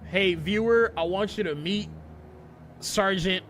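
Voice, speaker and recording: A man's voice: high-pitched, takes it slowly, fairly bright tone, a little hiss or hum. A man streaming a game, narrating it like a dramatic audiobook, stumbling over words and breaking into laughter.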